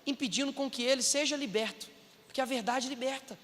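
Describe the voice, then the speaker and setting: High bright Brazilian preacher, hall echo. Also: male voice, brisk. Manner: animated, acts out quoted voices, addresses listeners as brothers. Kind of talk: sermon.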